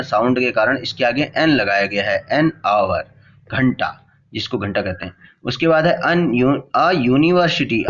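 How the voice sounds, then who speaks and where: A man's voice: medium pitch, fairly bright tone. Indian man explaining grammar, lo-fi. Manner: reads English lines slowly word by word, then explains. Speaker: English teacher. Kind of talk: explaining grammar in Hindi, reading English slowly. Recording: dull lo-fi recording.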